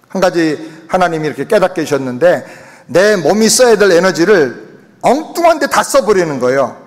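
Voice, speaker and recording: A man preaching a sermon as senior pastor, speaking emphatically to his congregation in a church sanctuary. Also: high-pitched. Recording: long reverb of a church hall.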